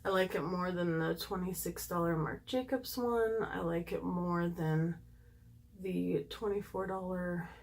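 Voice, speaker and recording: Thinking aloud as she talks viewers through her makeup, a slightly squeaky-voiced woman keeps things casual and chatty, gushing with emphasis. A little hiss or hum runs under the recording.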